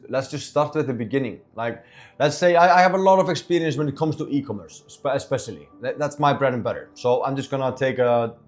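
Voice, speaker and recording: A young man from Iceland talks loosely to the camera, his voice sitting in an ordinary middle pitch. He restarts sentences and stacks up fillers as he works through his advice, and faint music plays softly behind him. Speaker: entrepreneur sharing business advice. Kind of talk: casual talking-to-camera advice.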